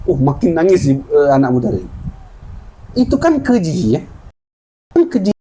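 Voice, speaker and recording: A man's voice: on the high side, big pitch swings, normal speed, mellow, slight background noise, rough recording. A man with an Acehnese Indonesian accent preaching a sermon to a women's study group, telling stories and acting out the dialogue in changing voices.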